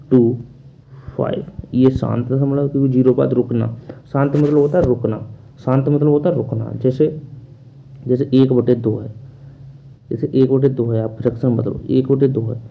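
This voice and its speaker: Gravelly male math teacher drilling students. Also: medium pitch, phone-quality sound, a little hiss or hum. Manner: repetitive question-and-answer drilling. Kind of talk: online class lecture.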